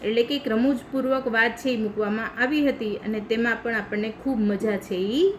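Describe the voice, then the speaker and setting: A woman teacher from India reads a children's story aloud, stopping often to explain it patiently. Her voice sits fairly high, with faint background noise. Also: moderate pace, rough recording. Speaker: primary school teacher.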